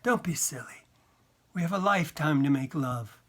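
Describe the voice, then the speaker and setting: A man's voice: a little high, animated, normal speed, fairly bright tone. A man doing a tearful, pleading wife. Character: hurt, pleading middle-aged wife.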